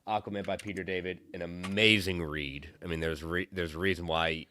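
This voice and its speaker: A man's voice: sits low, steady tone, fairly quick, bright, forceful tone, slight background noise. A man with a cold and a nasal voice, chatting casually as co-host of a livestream and repeating words as he starts. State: has a cold.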